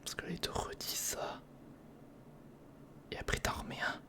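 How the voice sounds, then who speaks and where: Building something on camera at a moderate pace, an ASMR creator gives casual commentary in a breathy whisper, his mutterings aimed half at himself and half at whoever's watching.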